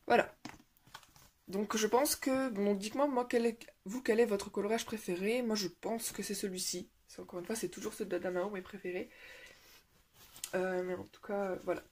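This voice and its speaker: A woman's voice: medium pitch, fairly even intonation, normal speed, a little mellow. Chatty young woman with filler-heavy speech. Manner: chatty, many fillers and restarts. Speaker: coloring vlogger. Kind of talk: casual show-and-tell chat. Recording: faint background noise and clicks.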